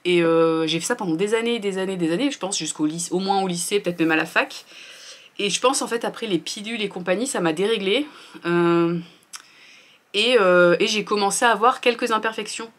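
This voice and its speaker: A woman's voice: mid-range voice, fairly quick, fairly bright tone. A woman, chatting casually through her skincare routine in a candid, rambling way with lots of fillers. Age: 30s. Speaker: beauty vlogger.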